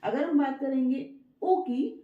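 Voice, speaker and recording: A woman teaching a writing lesson, patient and repetitive, stretching words out slowly syllable by syllable to show how they sound. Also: high-pitched, reverberant, narrow, tinny audio. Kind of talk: Hindi dictation lesson.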